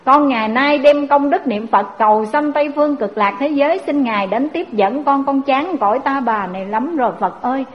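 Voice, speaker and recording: Old pleading grandmother in a sermon story, voiced by a woman preacher, quiet and high. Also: normal speed, few pauses, lightly acted. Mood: pleading prayer. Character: elderly woman, devout and pleading. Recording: dull lo-fi recording.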